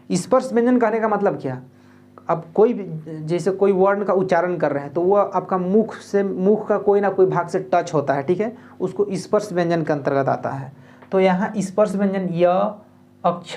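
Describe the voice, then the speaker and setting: A man's voice: high-pitched, darkish tone. Patient tutor man with Jharkhand accent. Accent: Jharkhand Hindi. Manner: explains patiently, repeats "ठीक है" often, sounds out letters slowly. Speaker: exam tutor. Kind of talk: spoken exam-prep lesson.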